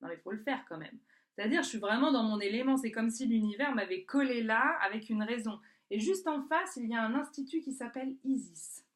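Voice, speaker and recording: A woman's voice: fairly high pitch, animated, brisk. A woman talking casually to camera about signs around her, chatty and often restarting and searching for words. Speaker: energy healer. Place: works in a southern French spa town.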